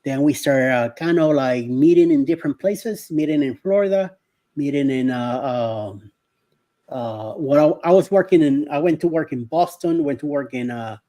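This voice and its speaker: Man, middle-aged, from Miami, live stream host, slightly raised pitch, hesitant and rambling. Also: moderate pace, warm tone. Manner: rambling, hesitant with many fillers; greets viewers by name. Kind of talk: casual live chat.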